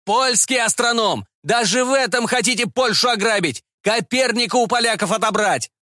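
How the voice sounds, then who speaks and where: A man's voice: high voice, very animated, normal speed, pushed and bright, dry recording, studio quality, pitched above the performer's own voice, heavily acted. A man voicing a hissing, indignant Polish nobleman, a vampire, in an audiobook. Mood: furious.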